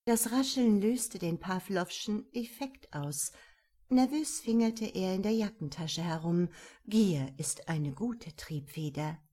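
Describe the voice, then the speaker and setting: Woman audiobook narrator, calm and measured, unhurried scripted reading. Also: mid-range voice.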